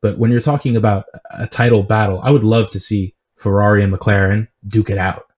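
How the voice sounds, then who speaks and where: A man co-hosting a podcast, talking casually and with strong opinions, animated and dropping "dude" often. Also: fairly low pitch, a little fast, rough recording. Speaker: podcast co-host. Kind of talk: casual sports chat.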